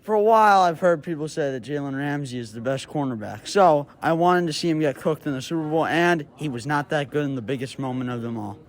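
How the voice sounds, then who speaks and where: A teenage boy being interviewed, giving a relaxed, matter-of-fact sports opinion. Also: fairly high pitch, fairly quick, hardly any pauses.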